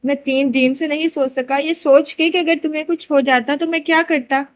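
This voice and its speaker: A woman narrator voices a grieving young man in an audiobook novel, pleading and guilt-ridden. The voice sits high. His words come out as an emotional confession. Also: fairly even intonation, lightly acted.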